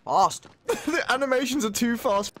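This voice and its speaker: A woman streaming a video game, reacting loudly as she plays, often laughing and swearing in disbelief. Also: fairly high pitch, expressive, normal speed, slight background noise. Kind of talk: live gameplay commentary.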